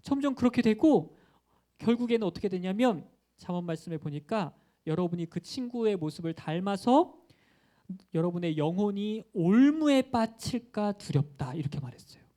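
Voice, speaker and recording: Brief: young male pastor, children's sermon, playful and mellow, acts out little quotes. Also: high-pitched, animated, moderate pace.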